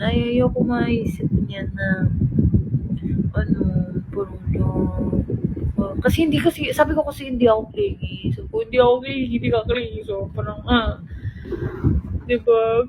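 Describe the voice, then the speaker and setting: A woman's voice: on the high side, lively intonation, normal speed, pauses often, very noisy. A young woman in casual chat, rambling and switching languages as she tells a story, sometimes close to tears. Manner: rambling, code-switching, self-described overthinker. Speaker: live stream host.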